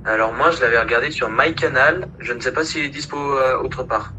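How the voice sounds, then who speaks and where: A man with a bright voice chats on a casual podcast. He speaks earnestly, with hesitant pauses. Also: mid-range voice, slight background noise, rough recording. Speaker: podcast panelist.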